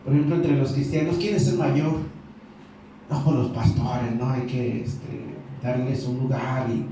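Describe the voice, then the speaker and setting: A man with a Mexican Spanish accent preaching a sermon as pastor, telling the story in a lively way and acting out the characters' lines. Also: mid-range voice, measured pace, slight background noise. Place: church hall. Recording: echoey hall, mic far off.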